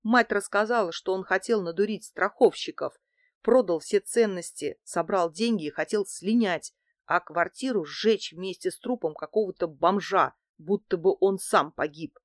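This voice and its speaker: A woman voicing a brash, foul-mouthed young male thug who yells and argues in a rough manner. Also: mid-range voice, normal speed, dry recording, clean studio sound, close to an everyday voice. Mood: defensive. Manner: loud, rough and quarrelsome.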